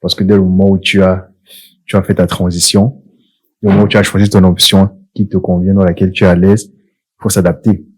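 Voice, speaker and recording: A man hosting a casual podcast, asking questions in a measured, reflective way with many hesitations. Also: low voice, flat delivery, a little mellow, slightly rough, low-quality recording. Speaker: podcast host.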